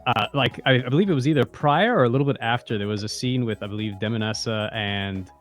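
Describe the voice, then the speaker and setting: A man's voice: medium pitch, fast talker, faint music behind. A man talking as a voice actor on a casual group call, stammering and repeating words as he goes. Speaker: voice actor panelist.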